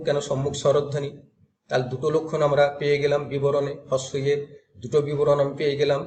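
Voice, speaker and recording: A man's voice: fairly high pitch, a little mellow. A man teaching a grammar class to students. He explains step by step and asks questions that he then answers himself.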